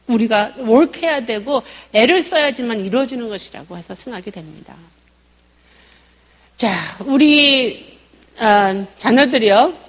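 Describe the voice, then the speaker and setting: Lively middle-aged woman in a church hall. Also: on the high side. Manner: storytelling, expressive, acts out family dialogue. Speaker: parenting seminar speaker. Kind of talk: church parenting seminar talk.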